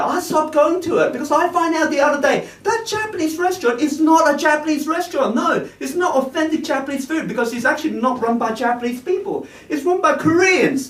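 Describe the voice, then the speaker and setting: High-voiced man doing stand-up. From Australia. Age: 30s. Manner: chatty, hesitant, laughs at own jokes. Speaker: stand-up comedian. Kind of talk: stand-up comedy set. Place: pub comedy room with audience. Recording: roomy, distant audience recording. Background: audience laughter.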